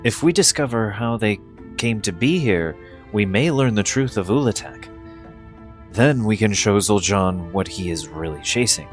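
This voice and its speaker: A man's voice: on the low side, lively intonation, normal speed, faint music behind. A man reading video game quest dialogue aloud with casual asides.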